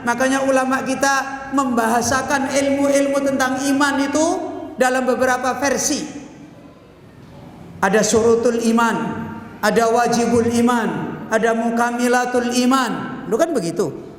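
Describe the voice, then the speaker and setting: A man preaches a sermon in a mosque, his voice pitched very high. He keeps asking his listeners questions and answering them. The recording rings with long hall reverb over a faint hiss. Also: steady tone, a little slow, pauses often. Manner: asks the audience rhetorical questions and answers them.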